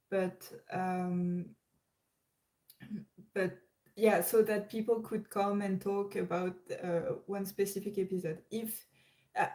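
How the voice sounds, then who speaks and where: A woman's voice: medium pitch, warm tone, rough recording. A young woman with a French accent hosting a casual livestream chat, hesitant with many fillers and restarts. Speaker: livestream host.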